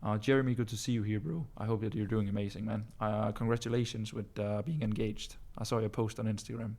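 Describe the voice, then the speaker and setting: Speaking English as a second language, a Danish man answers questions in a casual live-stream Q&A with a low, gravelly, darkish voice, talking fast and flatly. He coaches loosely, calling viewers bro and dropping lots of ums and uhs.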